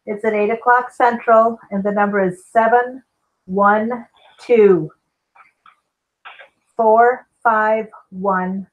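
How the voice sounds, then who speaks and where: A woman's voice: mid-range voice, fairly even intonation, slow pace, long pauses, phone-quality sound. A woman co-hosting by phone, steadily reading out numbers and notices over buzzy, glitchy call audio that keeps cutting out. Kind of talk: casual talk-show announcements.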